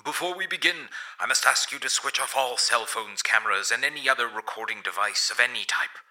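A man voicing a hammy showman in costume who bellows pompously in a fake English accent with a raspy voice. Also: mid-range voice, fairly quick, bright, forceful tone, voice pushed up, poor audio. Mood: announcing. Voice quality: raspy, amplified through headset mic. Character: hammy man playing Francis Bacon, bellowing.

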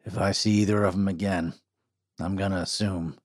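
A man voicing a calm, hard-bitten frontier shopkeeper who speaks in short, clipped sentences. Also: normal speed. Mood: curt. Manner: curt, low, clipped.

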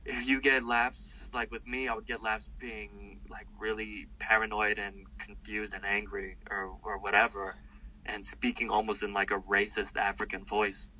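There's a little hiss or hum on this rough recording of a comedian guest chatting in an interview. His voice is lowish and his pace moderate, and he rambles animatedly, restarting often and filling gaps with fillers.

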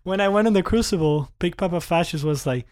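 A man in his twenties from a Cuban upbringing speaks fast in a high, clear, resonant voice while guesting on a podcast. He is animated and casual, laughs often, and tends to repeat words as he begins sentences.

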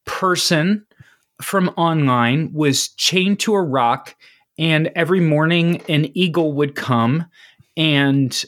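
A man's voice: takes it slowly, fairly bright tone. A man co-hosting a podcast, telling a long story in casual chat with lots of fillers and restarts. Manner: rambling storyteller, lots of filler and restarts, swings pitch for quoted voices. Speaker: podcast co-host.

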